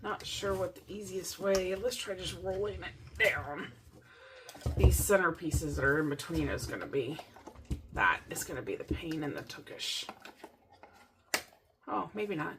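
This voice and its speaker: Excitable woman hosting a craft vlog. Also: lowish voice, a little slow, pauses often, noisy background. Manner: gushing, excitable, talks to viewers. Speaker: crafting channel host. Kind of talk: casual DIY tutorial vlog.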